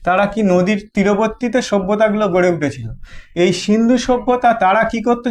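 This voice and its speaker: A man with a Bengali accent teaching a history lesson, asking questions and answering them himself, with many repeats and restarts. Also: high-pitched. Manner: halting, restarts phrases.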